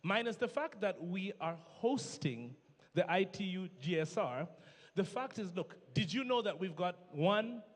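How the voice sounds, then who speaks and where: High-voiced man emceeing a gala. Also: expressive, unhurried. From northern Uganda. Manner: playful, switches between French and English, banters with co-host. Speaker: event emcee. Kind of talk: live gala hosting. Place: large indoor banquet hall. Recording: echoey banquet hall.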